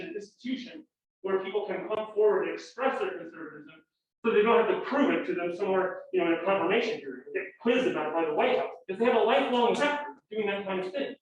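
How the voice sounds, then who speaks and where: A man on a law-school panel talks in a halting, rambling way, full of restarts. His voice sits fairly high for a man. He is heard from a distance in a very echoey room, and the sound is dull. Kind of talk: panel talk. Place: lecture room.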